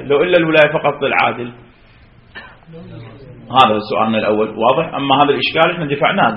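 A man with an Iraqi accent giving a seminary lecture on religious law, who keeps asking rhetorical questions and answering them himself. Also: fairly high pitch. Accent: Iraqi Arabic. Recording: roomy, dull lo-fi.

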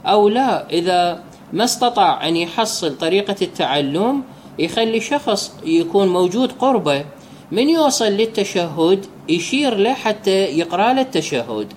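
A man's voice: sits high, big pitch swings, slight background noise. Iraqi man teaching religious law. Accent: Iraqi Arabic. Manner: explanatory, slows to recite formulas. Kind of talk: jurisprudence lesson.

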